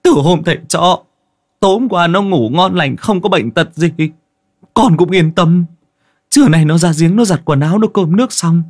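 Guy doing a freaked out young husband, high and loud, stammers everything. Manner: stammering, wailing pleas. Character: panicked young village husband, terrified and pleading.

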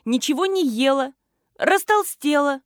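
A woman's voice: sits high, expressive, a little slow, no room sound, studio quality, pitched above the performer's own voice. A woman reading the lines of a fussy, anxious female housekeeper who panics and coos. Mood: fussing.

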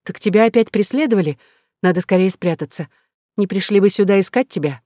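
A man's voice: high-pitched, fairly quick, mellow, no room sound, studio quality, pitched above the performer's own voice, close to an everyday voice. Man doing a tender, devout young girl. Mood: anxious.

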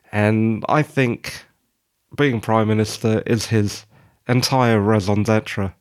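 A British man with a croaky, just-woken froggy voice, hosting a solo podcast in an informal but wordy, wry, measured way from a quiet study at home. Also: mid-range voice. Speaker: podcast host.

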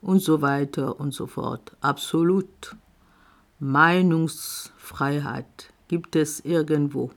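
A woman with a low-sitting voice reads her own reflective poetry in a deliberate spoken-word style. She leaves long pauses between short phrases, and she recorded the audio herself.

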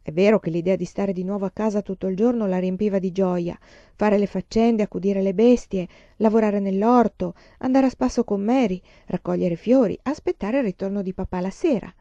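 Woman reading a story aloud, calm and even, mellow voice, dry slightly dull sound. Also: mid-range voice, brisk, no room sound. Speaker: reader. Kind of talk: audiobook reading.

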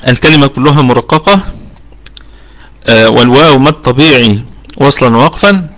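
A man from Egypt with an Egyptian Arabic accent, teaching Quran recitation rules in a live online lesson. He explains step by step, often checks that the listener follows, and slows down to demonstrate sounds. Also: medium pitch, fairly bright tone, low-quality recording. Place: home room over online voice chat.

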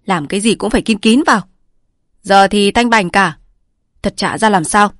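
A woman reader voicing a calm, scheming village chief who gives orders quietly and without hurry. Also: mid-range voice, no room sound, studio quality, lightly acted. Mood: quietly commanding. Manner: quiet, unhurried, commanding.

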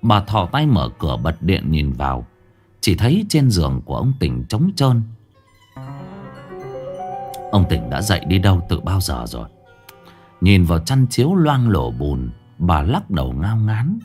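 A man narrating a ghost story in an animated, vivid way. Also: low voice, moderate pace, breathy edge, faint music behind.

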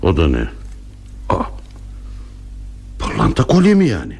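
A man's voice: sits low, wildly swooping pitch, unhurried, vocal fry, a little mellow, husky, heavily acted. A middle-aged actor playing a courteous, easily flustered father and teacher in a classic radio play. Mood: stern, surprised. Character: flustered hospitable father, warm and fussy. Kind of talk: 1960s Turkish radio theatre acting.

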